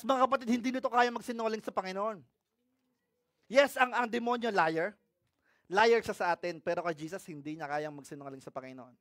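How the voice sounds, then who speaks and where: A man with a Filipino accent preaching a sermon in a mix of two languages, reading scripture aloud and often asking his congregation questions, swinging between loud and hushed. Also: extremely high pitch, no echo, clean studio sound.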